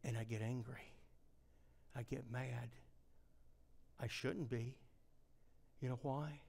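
Middle-aged preacher swinging whisper to shout. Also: male voice, mid-range voice, fairly even intonation, slow, gravelly, slightly rough. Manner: swings between hushed near-whispers and shouted climaxes; folksy storytelling preacher. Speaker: revival preacher. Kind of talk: revival sermon.

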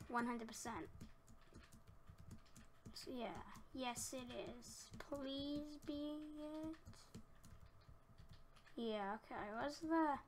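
A woman's voice: high-pitched, extremely slow, pauses often. A woman giving chatty Let's Play commentary at her computer, easily flustered and breaking into outbursts when under attack, with keyboard typing behind her. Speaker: gaming channel host.

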